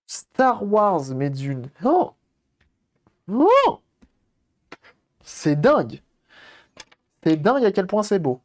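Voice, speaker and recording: A man's voice: high voice, sing-song, slow pace, darkish tone. A man casually commenting on a live stream while repairing a game console, thinking aloud and greeting viewers as they arrive.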